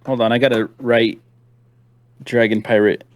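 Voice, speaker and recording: A man's voice: mid-range voice, level tone, normal speed, heavy background noise. A man running a tabletop game as game master, narrating and teasing the players playfully.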